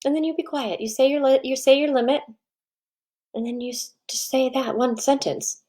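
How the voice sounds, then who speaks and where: A woman coaching parents in a live online training, chatty and lively, often acting out what parents and kids say. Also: high-pitched, moderate pace. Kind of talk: live online training, answering viewer questions.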